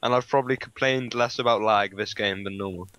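A man's voice: on the low side, fairly quick, dull audio. A man in casual gaming chat, laughing and calling out his moves. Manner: laughs a lot, excited play-by-play. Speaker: gamer.

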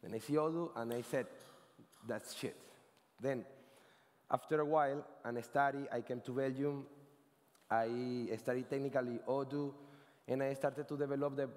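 A man's voice: medium pitch, steady tone, normal speed, long pauses, a little mellow. Venezuelan man speaking in a reverberant hall. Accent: Venezuelan Spanish. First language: Spanish. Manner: casual, rambling, frequent self-corrections and "right?" tags. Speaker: conference speaker. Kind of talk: conference talk. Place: large conference stage. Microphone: headset.

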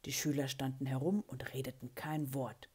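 A woman reading a children's story aloud, with a breathy voice and an expressive way of giving the characters their lines. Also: extremely low pitch, moderate pace. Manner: expressive, lively character voicing in quotes. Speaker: children's book reader.

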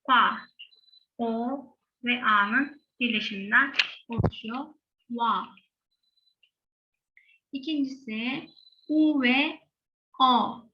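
A woman teaching Korean pronunciation, saying each sound slowly and repeating it. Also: a little high, lo-fi sound, slight background noise.

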